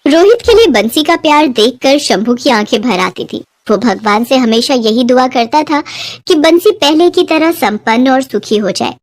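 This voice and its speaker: Bright-voiced woman telling a kids' story. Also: high-pitched, normal speed. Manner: clear, storytelling, expressive. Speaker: narrator. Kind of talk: scripted children's story narration.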